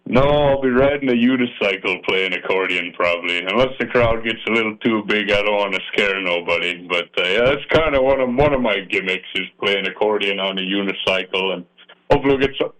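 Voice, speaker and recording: This accordion-playing polka musician hails from Minnesota's Iron Range and speaks in a lowish, fairly bright voice, fairly quickly. Chatting casually on the radio, he jokes at his own expense in a folksy way, his sentences fading out into fillers. It sounds like a dull AM broadcast.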